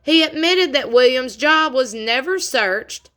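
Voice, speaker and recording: Female news-recap vlogger, bright forceful tone, unhurried delivery, folksy asides. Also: sits high, animated. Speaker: vlogger commenting on trial news. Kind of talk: news recap with casual commentary.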